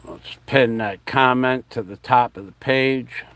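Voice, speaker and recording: Slow, rambling man hosting a livestream. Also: mid-range voice, fairly even intonation, a bit bright. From New York and New Jersey area. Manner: meandering, spells words out letter by letter; talks while fiddling with his camera setup. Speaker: livestream host.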